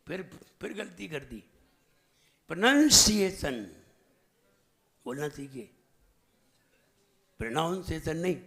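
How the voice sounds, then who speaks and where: High, bright-voiced man teaching a crowd. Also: vocal fry. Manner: asks the audience questions and makes them repeat; swings between loud emphatic lines and soft asides. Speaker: Jain monk teaching a training camp. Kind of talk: sermon-style teaching.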